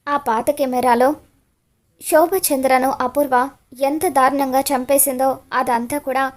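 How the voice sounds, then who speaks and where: A furious young man hurls accusations at his family in a raised, shouting voice, read aloud by a woman. The voice sits high. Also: fairly even intonation, a little slow. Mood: angry accusing.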